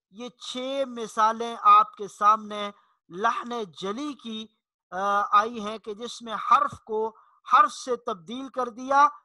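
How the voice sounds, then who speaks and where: Slow, sharp-voiced man teaching recitation. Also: high-pitched, no echo. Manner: patient, repeats each word and recites Arabic examples slowly. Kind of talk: religious pronunciation lesson.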